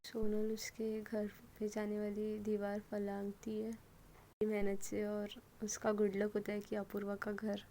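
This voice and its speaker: Flat-voiced woman telling a love story. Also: mid-range voice, unhurried, a little hiss or hum, poor audio. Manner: even storytelling. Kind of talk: narrated love story episode.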